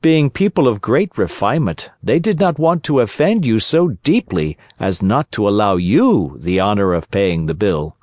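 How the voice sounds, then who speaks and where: A man's voice: fairly low pitch, big pitch swings, moderate pace, hardly any pauses, a little mellow, no room sound, clean studio sound. A man voicing a sly, falsely polite male innkeeper. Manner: mock courteous.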